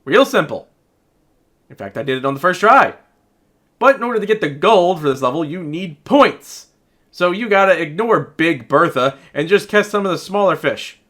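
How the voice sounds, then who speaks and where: A man's voice: high voice, lively intonation, normal speed, a bit bright. A man giving exasperated, sarcastic and profane commentary as he reviews a video game.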